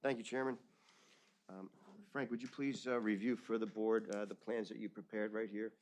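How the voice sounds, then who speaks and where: A man's voice: on the low side, steady tone, normal speed, darkish tone. A man speaking formally through a face mask as a lawyer presenting at a public hearing. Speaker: lawyer representing an applicant. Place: public board meeting room.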